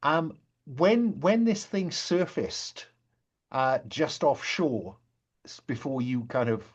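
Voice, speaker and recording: A man acting as game master, narrating a tabletop role-playing game in a measured way with pauses, prompting the players. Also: fairly high pitch, animated.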